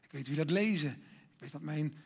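A man giving a sermon, earnest and emphatic, building up to loud exhortation. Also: fairly high pitch, brisk, gravelly, breathy edge.

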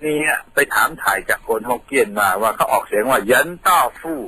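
A man's voice: on the low side, fast talker, pushed and bright, slight background noise, low-quality recording. A man from Thailand, a radio guest patiently explaining things in a studio, telling them like a story.

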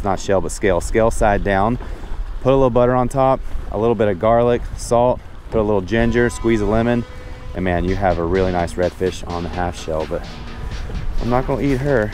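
Out on a boat, an American fishing vlogger gives his viewers chatty, folksy first-person commentary in a lowish, darkish voice. He records on a body-worn action camera, and the open boat brings in outdoor noise.

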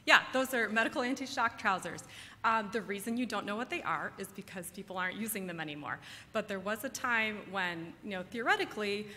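A woman's voice: mid-range voice, expressive, fairly quick, sharp tone. A woman giving a medical conference lecture in a conversational way, putting questions to her listeners. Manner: conversational, engages audience with questions. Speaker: medical researcher presenting. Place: large indoor presentation room. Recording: reverberant hall, clear background noise.

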